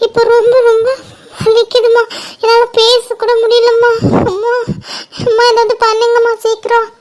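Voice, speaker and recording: A woman's voice: very high-pitched, flat delivery, slow. A woman voicing a frightened young mother in labor. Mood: pained pleading. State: in pain.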